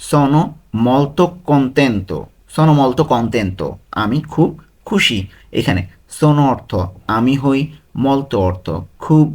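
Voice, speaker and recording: A man at a middle pitch leads a step-by-step vocabulary lesson. He works through it slowly and patiently, saying each word more than once. He poses a question and then answers it himself. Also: breathy edge. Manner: slow, repeats each word and meaning, asks and answers his own questions. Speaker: language tutor.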